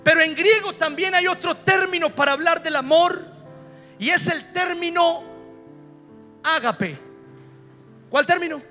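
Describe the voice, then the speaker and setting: A pastor preaching emphatically, repeating key words and asking the congregation questions. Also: male voice, very high voice, fairly even intonation, normal speed, bright, forceful tone, big-room sound, faint music behind. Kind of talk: sermon.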